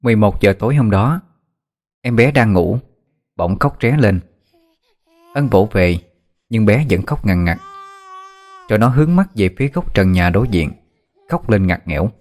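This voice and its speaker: A man narrating a ghost story audiobook in a steady telling. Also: lowish voice, unhurried, pauses often.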